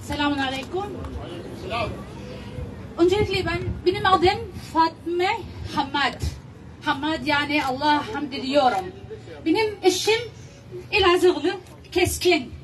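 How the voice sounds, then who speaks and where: A woman in her fifties with an Arabic accent, giving a public speech in halting, broken non-native Turkish. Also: high voice, expressive, slight background noise. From Palestinian, raised in Lebanon. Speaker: guest speaker at a rally. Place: outdoor square, stage with PA. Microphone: podium mic, filmed by far camera. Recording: distant mic, outdoor loudspeaker sound.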